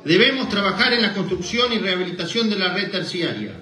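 A middle-aged Argentine man, president of a rural association, reads a prepared Spanish speech from paper at a lectern in an indoor hall, stumbling now and then. His voice sits high, bright and pushed, with lively intonation and a brisk pace. A boom-stand mic picks him up from a distance through an echoey hall PA.

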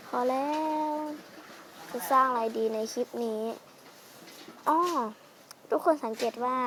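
A woman's voice: on the high side, background noise. A young woman casually chatting while playing a computer game, rambling playfully into a headset mic close to her mouth. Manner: rambling, playful, polite sentence endings. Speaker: game channel host. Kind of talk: casual chatty gameplay commentary.

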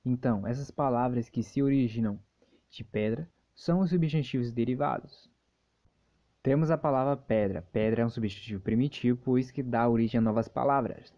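A man narrates a lesson at an even, measured pace. His voice is mellow and middle-pitched. The recording sounds slightly dull and lo-fi. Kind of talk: explanatory narration.

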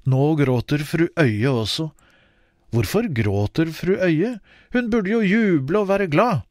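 Expressive male audiobook narrator. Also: dry recording, clean studio sound. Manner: expressive, with wide swings in pitch. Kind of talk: scripted children's audiobook narration.

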